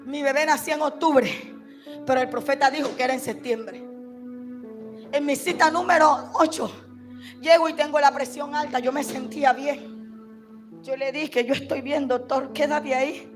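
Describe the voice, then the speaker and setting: A woman preacher giving a sermon testimony, moving between hushed storytelling and shouted, impassioned preaching. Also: high voice, fairly even intonation, normal speed, long pauses, music in the background.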